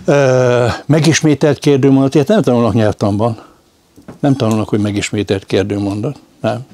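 A man's voice: medium pitch, fairly even intonation, a little mellow. A man giving a lecture on speech intonation, demonstrating example questions aloud.

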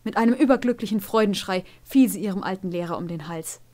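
A woman reading a fantasy storybook chapter aloud. Her voice sits at a middling pitch. She narrates in a calm, measured way, letting the scenes unfold steadily.

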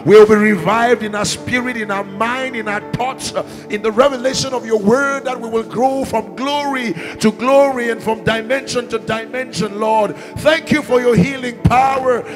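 A man in his forties, a guest pastor, leading a prayer that builds to fervent, shouted praise on a church stage with a handheld mic. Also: extremely high pitch. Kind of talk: sermon prayer. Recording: reverberant church hall with soft music.

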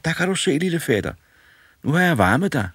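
A cheeky boy who cannot feel fear, as a man reads him, pitched far above the reader's own voice, brash and eager. The delivery is dry and close, with no room sound. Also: sing-song, a bit bright, husky, dry recording, heavily acted. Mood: cheerful. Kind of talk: audiobook fairy tale reading.

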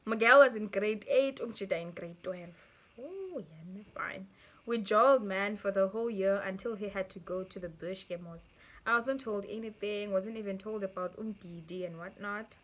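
A woman's voice: medium pitch, moderate pace. A young South African woman with a South African accent, reading viewers' stories aloud and reacting with frequent laughter, mixing English and Xhosa. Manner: animated, laughs often, mixes English and Xhosa. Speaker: YouTuber.

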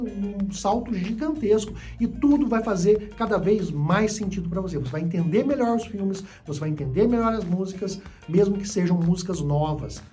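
A Brazilian woman whose native language is Portuguese teaches English in an online lesson. Her voice is medium in pitch with a dark tone, and she explains things at length, often repeating herself and starting over.

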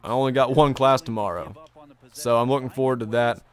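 This young adult man has a medium-pitched voice with fairly even intonation and a brisk pace. He's a gaming streamer playing a basketball video game live in his indoor bedroom setup, upbeat and chatty as he reads his chat. He repeats his own phrases, and long streaming has left his voice a little strained.

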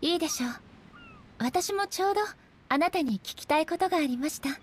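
A woman playing a regal, solemn female shogun and swordswoman in a game, speaking formally and with measured stateliness. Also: high voice, animated, slight background noise. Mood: earnest, thoughtful. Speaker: voice actor. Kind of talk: Japanese anime-style game character voice lines.

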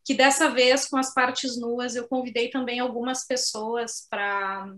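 A middle-aged poet and author from southern Brazil chats at her online book launch over a video call from her home office, and reads her poems slowly. Her voice is fairly high and bright with fairly even intonation, and she keeps adding little tag questions to her sentences.

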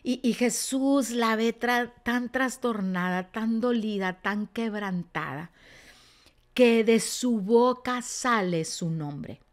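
Expressive woman teaching the Bible. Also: a little high, slow. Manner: expressive storytelling, often dropping to a soft, quiet tone. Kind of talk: teaching sermon.

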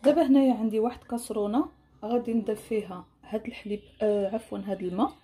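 A woman's voice: mid-range voice, fairly even intonation, very fast, mellow, breathy edge. A woman with a Moroccan accent narrating a casual cooking tutorial as a home cook, explaining and rephrasing each instruction. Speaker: home cook presenting a recipe.

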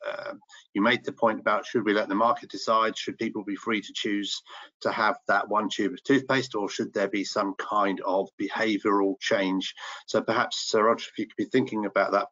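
A man's voice: on the low side, pushed and bright. A middle-aged man moderating an online panel through a headset on a video call. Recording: slightly dull video-call audio.

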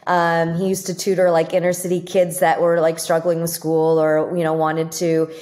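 Low-voiced woman doctor, chatty guest. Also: monotone, moderate pace, darkish tone. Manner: reflective, talks with many fillers and "like". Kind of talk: casual conversation.

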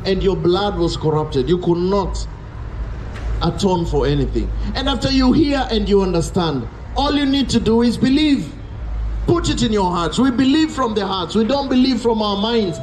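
A middle-aged man with a Kenyan accent preaching outdoors on a city street through a handheld microphone, fervent and pleading, repeating phrases for emphasis. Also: very high-pitched. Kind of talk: open-air street preaching. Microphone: handheld microphone through a small speaker. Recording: echoey outdoor sound with music and traffic behind.

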